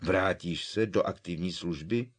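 A man doing a calm, wry old headmaster wizard, kindly and unhurried in his dry humor. The deep, low voice stays composed, a storybook sage who is never rattled.

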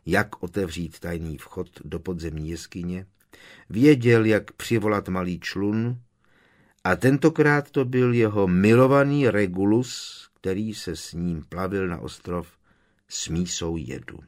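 A male audiobook narrator with a fairly low voice. He reads in a measured, steady storytelling manner. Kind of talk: scripted narration.

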